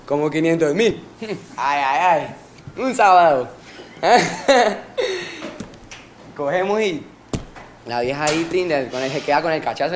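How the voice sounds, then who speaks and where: A Colombian man in his early twenties being interviewed, telling a rambling street story full of slang and sound effects. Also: on the high side. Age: early 20s. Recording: noisy background.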